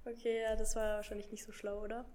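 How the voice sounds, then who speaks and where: A woman's voice: on the high side, level tone, fast talker, warm tone. A young woman conducting an informal school interview, asking questions hesitantly with many fillers.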